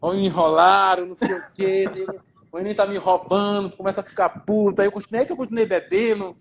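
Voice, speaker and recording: Fast-talking Brazilian man telling his story. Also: sits high, steady tone, darkish tone, a little hiss or hum, poor audio. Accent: Brazilian Portuguese. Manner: storytelling, informal, swears, repeats himself. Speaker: guest. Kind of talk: casual live interview.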